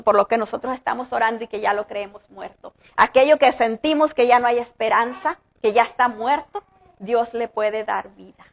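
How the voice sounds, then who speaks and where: A woman pastor preaching a sermon in earnest, rising for emphasis and slowing down to read scripture aloud. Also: high voice. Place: church.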